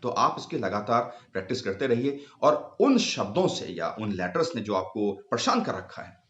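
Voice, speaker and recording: A man speaking Hindi as a speech coach, patiently explaining and slowly sounding out letters one by one for viewers. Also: fairly low pitch, big pitch swings, a bit bright. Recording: echoey room, slightly dull sound.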